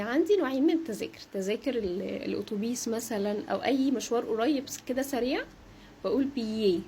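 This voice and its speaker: A young woman with an Egyptian Arabic accent giving a brisk short French lesson, saying each example word slowly and repeating it. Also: on the high side, darkish tone, slight background noise. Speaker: French teacher. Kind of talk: short social media language lesson.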